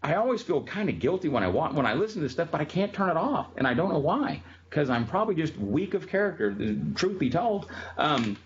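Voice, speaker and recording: A man's voice: fairly high pitch, big pitch swings, brisk, muffled recording. A man giving a casual classroom lecture on music history, telling stories in a chatty way with frequent ums.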